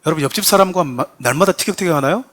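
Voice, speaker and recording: A male pastor with a voice pitched a little higher than most men delivers a sermon in church. He talks straight to his congregation and acts out quoted speech with rising emphasis. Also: racing, fairly bright tone. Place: church sanctuary.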